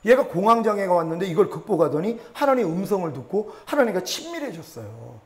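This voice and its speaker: A middle-aged man, a pastor, preaching a sermon and telling a personal testimony with emotion, acting out prayers and quoted voices. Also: sits high.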